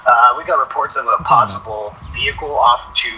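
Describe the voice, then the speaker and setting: A man's voice: mid-range voice, fairly quick, muffled recording, slight background noise. A man giving clipped, hesitant military callouts over a walkie-talkie radio as a squad leader. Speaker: squad leader in a team game.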